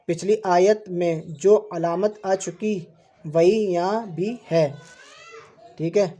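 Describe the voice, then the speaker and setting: A Quran reading teacher giving an online lesson, spelling out letters and vowel marks syllable by syllable, repeating words slowly and patiently explaining rules to viewers. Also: medium pitch, dark tone.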